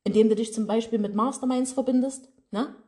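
A woman's voice: fairly high pitch, steady tone, fairly quick, warm tone. German woman coach with a regional dialect. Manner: colloquial, direct, speaks straight to listeners. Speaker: business and mindset coach. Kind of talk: motivational podcast monologue. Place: her office.

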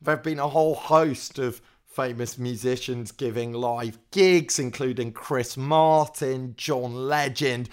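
A man hosting a casual podcast and presenting segments in a brisk, upbeat way. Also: mid-range voice. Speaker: podcast host.

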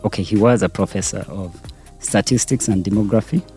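A Ugandan entrepreneur in his forties answers casual interview questions about his work, hesitating often with lots of fillers and restarts. His voice is on the low side, brisk and warm, with soft background music.

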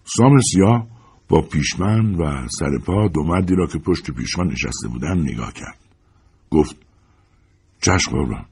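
A man narrating a short story as an audiobook reader, in a measured, dramatic way. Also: a bass voice, expressive, warm tone, breathy edge. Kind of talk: scripted narration.

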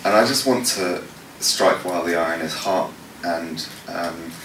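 A worship leader leading a panel session answers questions unscripted, his low voice hesitant and full of fillers and restarts. He speaks unhurriedly with a fairly bright tone. The recording is noisy, with a distant mic in an echoey hall.

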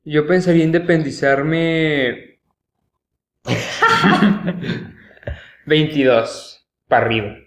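A man's voice: on the high side, very slow, long pauses. A young man with a Mexican accent chatting casually and slangily with his friends. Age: young adult. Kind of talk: casual chat among friends. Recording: echoey room.

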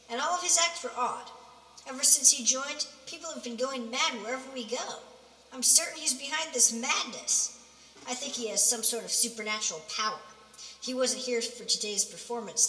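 A woman playing an uneasy veteran circus clown in an audio drama, confiding suspicions in a hushed, earnest way. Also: high-pitched, animated, moderate pace, a little hiss or hum. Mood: anxious, confiding. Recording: echoey, far from mic, music behind.

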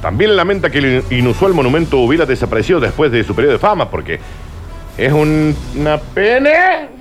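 A man hosting a joking radio news chat, animated, with sudden high squeals. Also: fast, faint music behind. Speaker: radio show host.

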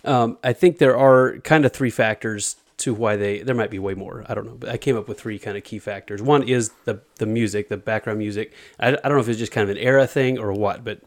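A man presenting a little research to friends in a casual group chat, relaxed and halting, with many fillers and restarts. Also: on the low side.

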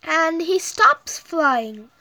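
A woman reading a children's story aloud in an animated, sing-song manner. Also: extremely high pitch, drawn-out words.

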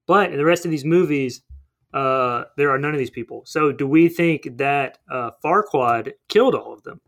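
A man's voice: medium pitch, animated, moderate pace, a bit bright. A man chatting casually about a movie, rambling and thinking aloud with lots of fillers.

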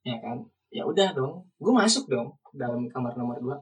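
A young man co-hosting a casual podcast, telling a story with sudden loud outbursts. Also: mid-range voice, lively intonation, moderate pace, slightly rough. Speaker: podcast co-host. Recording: distant mic in a room at home.

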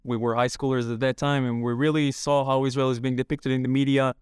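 A young man telling his story as a podcast guest in a measured way, with frequent pauses. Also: medium pitch, little pitch movement, clear, resonant tone, no room sound, clean studio sound. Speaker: guest, army reservist. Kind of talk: interview answers.

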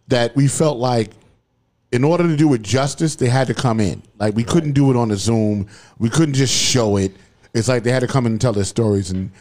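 A man hosting a casual talk show in a studio, playful and sing-song, giving shout-outs. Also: on the low side. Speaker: host.

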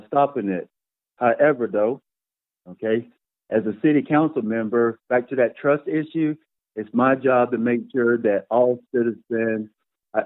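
A man, a city council candidate answering interview questions in a halting, plainspoken way with repeated words. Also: fairly low pitch, no room sound. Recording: tinny phone line.

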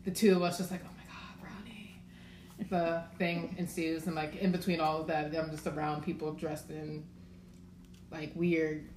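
A woman's voice: deep voice, little pitch movement, moderate pace, darkish tone. A woman from Maryland, a podcast guest, telling stories in a laid-back way full of filler words. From Maryland, USA. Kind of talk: casual podcast chat. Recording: roomy echo, faint background noise.

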